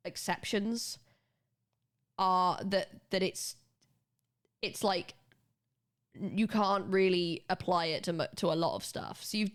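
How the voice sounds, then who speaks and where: A British woman livestreams, rambling casually with her viewers, swearing freely and often restarting sentences. Her voice is mid-range and smooth.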